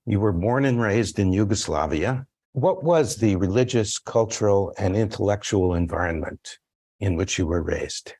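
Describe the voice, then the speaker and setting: A man hosting an interview, reading an introduction and asking measured, formal questions. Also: on the low side, animated, a little mellow, breathy edge. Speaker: interviewer host.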